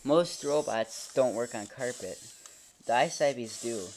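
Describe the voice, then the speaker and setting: Casual toy reviewer filming at home, halting and informal, medium pitch, faint mechanical clicks behind. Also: darkish tone, a little hiss or hum. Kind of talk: casual hands-on demonstration. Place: carpeted living room at home. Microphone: handheld camera held by the speaker. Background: robot toy motor whirring and clicks.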